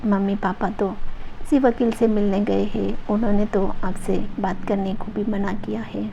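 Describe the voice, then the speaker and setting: A woman's voice: mid-range voice, little pitch movement, measured pace, vocal fry, dark tone, a little hiss or hum. A woman voicing a tearful young man who pleads with his sister-in-law in a choked voice, in a storybook reading. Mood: pleading. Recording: dull lo-fi recording.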